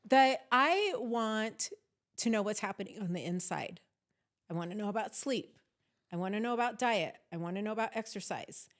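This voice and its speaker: Chatty woman therapist, clearing throat. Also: mid-range voice. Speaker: therapist, podcast guest. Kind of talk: casual conversational interview.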